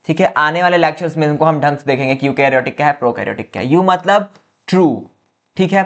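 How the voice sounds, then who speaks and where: Higher-pitched man teaching biology. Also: fast talker, muffled recording. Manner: repeats questions and answers them himself, says "ठीक है" often; addresses students as "बच्चा". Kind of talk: classroom lecture.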